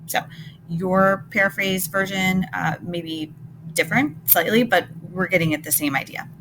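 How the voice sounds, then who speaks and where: Lowish-voiced woman teaching a reading lesson. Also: normal speed. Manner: patient, explanatory, thinking aloud with frequent "right?" and "um". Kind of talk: recorded classroom lesson, close reading. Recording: noticeable background noise.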